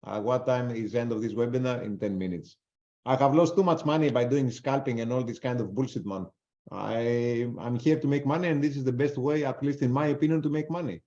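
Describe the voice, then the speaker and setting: Brisk and mellow, with a medium-pitched voice, a webinar-presenting trader speaks English with a non-native accent. He gives live trading commentary and answers the audience's questions in a blunt, casual way, swearing freely. The webinar audio sounds dull and lo-fi.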